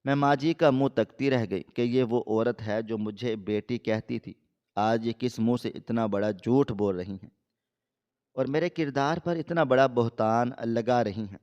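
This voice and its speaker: A male storyteller reading a first-person drama in a steady, dramatic way. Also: medium pitch, clear, resonant tone, dull audio.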